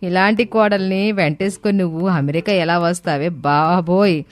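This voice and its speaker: A woman's voice: mid-range voice, measured pace, darkish tone, natural voice. A woman voicing a snobbish middle-aged city woman in a cartoon, sneering and sprinkling in English words. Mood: mocking.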